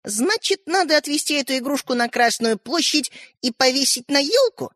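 A woman's voice: sits high, lively intonation, normal speed, a bit bright, no echo, clean studio sound, voice pushed up. A woman voicing a bossy older sister, a girl who mocks and scolds her little brothers in an audiobook. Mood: scornful. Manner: mocking, scolding. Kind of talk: audiobook character reading.

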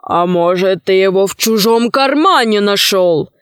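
A woman voicing a stern young male warrior hero in a storybook reading, slow and menacing. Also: mid-range voice, clean tone, dry recording, studio quality, close to an everyday voice.

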